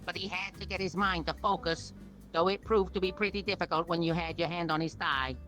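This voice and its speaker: A woman reading a chatbot's story text aloud in an even, storybook way. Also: on the low side, brisk, faint music behind.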